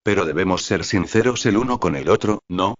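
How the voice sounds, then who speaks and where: A cool, calculating young wizard, as a man reads him speaks in a calm, measured and insistent manner. The voice sits very low. The audio sounds dull and lo-fi.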